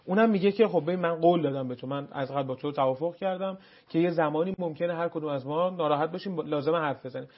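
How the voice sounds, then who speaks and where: A man's voice: fairly high pitch, muffled recording. A male host who talks politely, thinking aloud and giving examples as he talks with a guest. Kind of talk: conversational interview.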